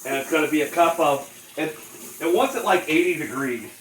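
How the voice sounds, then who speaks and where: A man's voice: on the high side, expressive, fairly quick, a bit bright. A man hosting a casual cooking demonstration, talking in laid-back stoner slang. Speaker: cooking show host. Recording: roomy, distant mic, faint noise.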